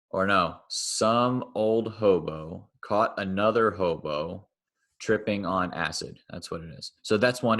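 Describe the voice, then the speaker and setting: A man's voice: sits low, a bit bright. A male math teacher recording a casual online lecture, thinking aloud and correcting himself as he draws on screen.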